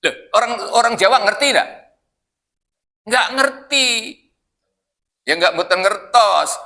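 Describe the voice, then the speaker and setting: A man's voice: high voice, expressive, takes it slowly, gravelly, sharp tone. An older man preaching in a mosque, joking with the congregation and firing questions at them. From Indonesia. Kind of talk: sermon.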